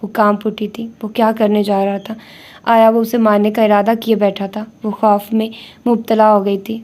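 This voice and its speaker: A woman narrating a romance novel in a steady reading voice. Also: mid-range voice. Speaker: audiobook narrator.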